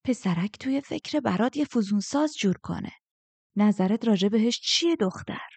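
A woman's voice: mid-range voice, animated, gravelly, darkish tone, breathy edge, no room sound. A woman voicing a stern, scornful old woman mentor who speaks sharply and mockingly in an audiobook. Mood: scolding.

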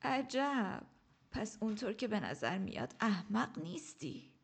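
A woman reading an audiobook, voicing a stern old woman teacher who scolds slowly and shouts. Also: medium pitch, very animated, vocal fry, breathy edge, heavily acted. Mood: scolding. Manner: slow, scolding, raises her voice to shouts. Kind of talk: audiobook character voice.

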